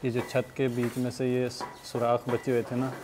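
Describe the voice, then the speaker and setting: A cheerful young Pakistani vlogger narrates his day in a relaxed, casual way outdoors on farmland and a building site, often breaking into light laughter. He speaks at a medium pitch and moderate pace into a lapel mic, with a faint hum of open-air ambience behind him.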